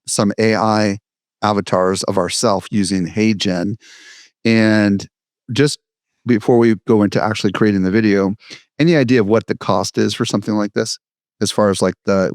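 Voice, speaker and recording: A man's voice: fairly low pitch, steady tone, normal speed, no room sound, studio quality. A man hosting a podcast interview, asking questions in a casual, conversational way. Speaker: podcast host.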